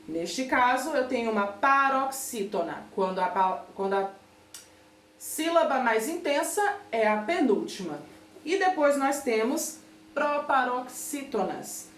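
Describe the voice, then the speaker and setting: A woman's voice: high voice, animated, unhurried, fairly bright tone, echoey room, distant mic, a little hiss or hum. A woman with a Brazilian Portuguese accent teaching a recorded remote class, patiently explaining and often checking that listeners follow.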